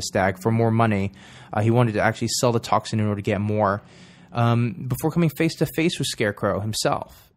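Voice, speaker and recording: A young man with an ordinary mid-range voice hosts a casual story podcast. He talks in a loose, enthusiastic way, drops in fillers and swears now and then as he recaps the plot. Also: mid-range voice. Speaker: podcast host.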